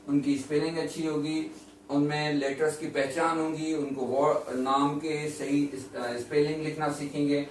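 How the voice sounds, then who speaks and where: A man teaching beginners in a patient classroom voice, slightly higher than most men. He keeps asking his learners questions and repeating the key points. He is recorded from a distance in a strongly echoing room, with faint room noise behind him. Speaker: English teacher. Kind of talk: classroom lesson explanation.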